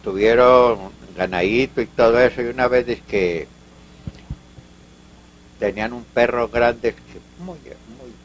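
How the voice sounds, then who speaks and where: Through dull audio and a bit of background noise comes the medium-pitched voice of an older man from Colombia. In Paisa Spanish, he shares local stories for an oral history interview, rambling with halts, restarts, and asides.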